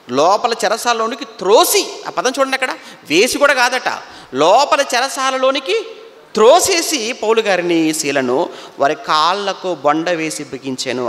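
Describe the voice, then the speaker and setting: A man's voice: a little high, sharp tone, in a large hall. A man preaching a sermon, telling the story and putting rhetorical questions to his listeners.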